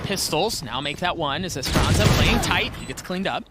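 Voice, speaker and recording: A man doing live esports play-by-play as a caster, with excitable, emphatic calls. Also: a little high, normal speed, over loud music. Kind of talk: live esports match commentary.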